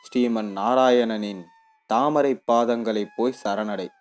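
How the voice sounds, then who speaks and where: Slow, calm male storyteller. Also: mid-range voice. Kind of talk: spiritual story narration.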